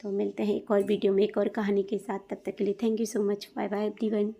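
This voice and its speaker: Sex: woman. Role: storyteller and channel host. Style: steady storybook narration. Tone: warm, mellow, mid pitch. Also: normal speed. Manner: steady, plain reading; asks viewers to comment and subscribe.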